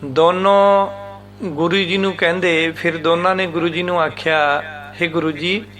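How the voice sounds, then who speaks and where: A man teaching the meaning and recitation of scripture, speaking deliberately and repeating words syllable by syllable to show how they are pronounced. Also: on the high side, steady tone, fairly bright tone, soft background music.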